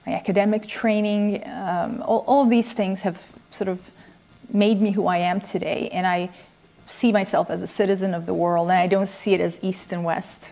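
Giving unscripted interview answers in a quiet house, this children's author and ex-academic, originally from Iran and brought up in Sweden, talks in a mellow mid-range voice with a level tone and vocal fry. She is reflective and halting, stopping between phrases.

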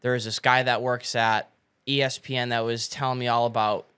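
A young man chats as a podcast guest, spinning an animated story. He acts out what people said and laughs often. His voice sits in a middle pitch, recorded dry and close with no room sound. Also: fairly quick, smooth, dry recording. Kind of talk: casual storytelling chat.

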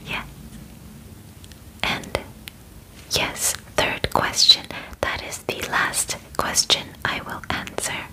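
For an ASMR roleplay, a twenty-something woman softly whispers the lines of a polite alien medical examiner, formal and matter-of-fact in tone. Gentle, halting, measured phrasing and short pauses mark her breathy speech. It was recorded in a small bedroom at low quality.

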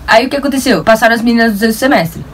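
A young woman with a São Paulo Brazilian accent, telling a story to camera in an animated, slangy, self-mocking way. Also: a little high, rapid-fire, recorded from a distance, a little hiss or hum. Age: young adult. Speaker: vlogger.

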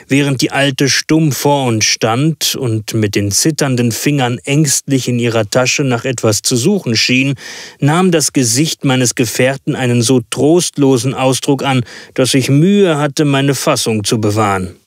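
A man narrating a classic story aloud in a steady, measured reading voice. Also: medium pitch, dry recording, clean studio sound. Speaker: audiobook reader. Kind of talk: scripted narration.

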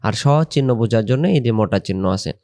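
A man teaching Quran pronunciation, explaining patiently and repeating syllables with drawn-out recitation. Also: lowish voice, animated, dark tone.

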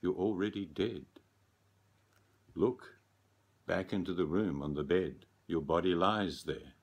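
A man voicing a solemn talking raven who is Death, passing judgement slowly and portentously in a storybook tale. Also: sits low. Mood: grave. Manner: slow, portentous, accusing. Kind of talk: storybook character voice.

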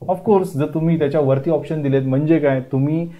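A man in his thirties, an admissions counsellor, walks through admission steps at a whiteboard in an indoor classroom, mixing Marathi and English. His fairly high voice stays fairly even and moves a little fast, emphatic yet reassuring, with repeated "okay" check-ins. The lapel mic gives narrow, tinny audio over soft background music.

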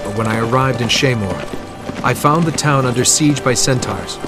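A man's voice: medium pitch, unhurried, lightly acted. An actor playing a young male noble hero in a video game cutscene, speaking solemnly over an orchestral score. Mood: resolute. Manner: earnest, solemn. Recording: music score under the voice.

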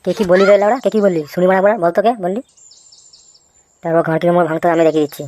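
A boastful, foul-mouthed male neighborhood don from a comic cartoon, voiced by a woman, threatening everyone around him. The voice sits on the lower side and the words come quickly. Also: mellow, natural voice. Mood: blustering. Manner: boastful, threatening, heavy cursing.

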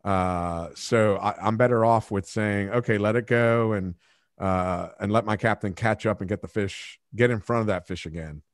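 A man in his forties, with a lowish voice and a moderate pace, hosts a podcast from a home studio room, using a studio microphone and headphones. The sound is free of echo. In casual interview chat, he rambles through self-mocking stories, often restarting his sentences.

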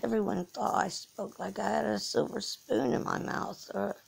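Lying in bed with a phone held just above her face, a middle-aged woman from Norfolk rambles through a personal vlog monologue, slow and halting, restarting often and leaning on fillers. Her English accent has some American Southern in it; her mid-range voice is creaky with a breathy edge and fairly even intonation.

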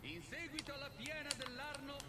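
An actor playing a town crier in a video game, proclaiming public notices in a stern, drawn-out declamation. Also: male voice, extremely high pitch, animated, sharp tone, a little hiss or hum, full character voice. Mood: official, stern.

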